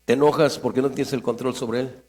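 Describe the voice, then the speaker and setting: A man preaching a sermon in a church, swinging between loud fervent prayer and quiet asides. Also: mid-range voice, fairly even intonation, a little fast. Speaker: pastor.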